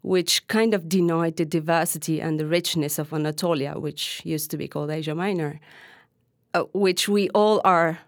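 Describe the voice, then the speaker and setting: A Turkish woman journalist, bilingual with Arabic as her first language, appears as a guest on a podcast interview. Her deep voice has fairly even intonation at normal speed, recorded in studio quality with no echo, and she answers thoughtfully, often restarting phrases and laughing lightly.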